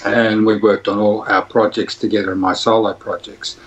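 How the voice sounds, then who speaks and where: Over dull, lo-fi phone audio with slight background noise, an older Australian man who works as a music producer rambles through his memories with frequent restarts. He speaks at normal speed in a fairly low, flat voice.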